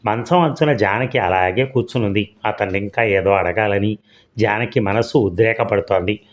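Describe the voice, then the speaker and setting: A man narrating a serialized story in a steady, measured reading. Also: fairly low pitch. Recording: dull lo-fi recording.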